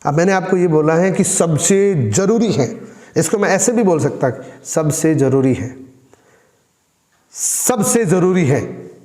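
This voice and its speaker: High-voiced man teaching in an echoey room. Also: darkish tone. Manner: demonstrates tone by repeating the same lines in different ways; addresses listeners as friends, explains patiently. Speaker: communication skills trainer. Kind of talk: spoken training lesson. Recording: roomy echo with long reverb.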